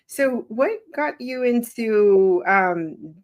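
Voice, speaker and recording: A woman's voice: on the high side, animated, very slow. A woman hosting a podcast interview, talking enthusiastically and hesitantly with many fillers. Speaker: podcast host, immigration attorney. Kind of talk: casual interview.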